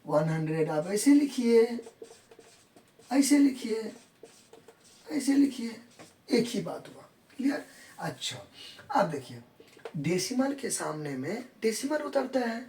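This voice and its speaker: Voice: medium pitch, sing-song, takes it slowly, pauses often, dark tone, far from the mic. Repetitive maths teacher in an echoey room. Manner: repeats each step and checks in with students; counts numbers out in English within Hindi talk. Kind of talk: classroom maths lesson.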